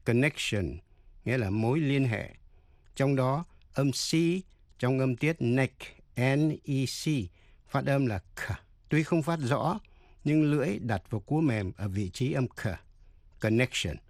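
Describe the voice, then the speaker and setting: A man's voice: medium pitch, a little slow, darkish tone, dry recording, studio quality. A man teaching an English lesson on the radio, explaining pronunciation carefully and spelling words out letter by letter.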